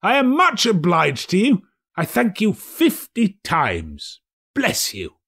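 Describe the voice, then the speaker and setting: A man's voice: sits high, wildly swooping pitch, fairly bright tone, breathy edge, voice pushed up, exaggerated voice. A man voicing an elderly reformed miser for an audiobook, giddy and gushing with delight, drawing words out in exclamations. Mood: effusive, grateful. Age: older. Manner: exclamatory, drawn-out, gushing delivery. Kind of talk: dramatised audiobook character voice.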